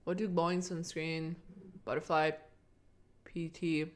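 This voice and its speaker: A woman's voice: low voice, flat delivery, measured pace. A young woman chatting casually on a live stream, meandering and talking to herself while she eats breakfast at her desk.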